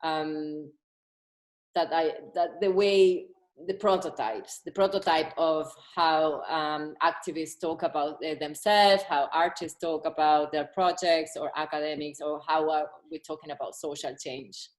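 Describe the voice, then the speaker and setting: Low-voiced woman from Argentina. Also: steady tone, measured pace, rough recording. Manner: hesitant, searching for words, with many restarts. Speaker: graphic designer and publisher. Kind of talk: casual online talk. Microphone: video call.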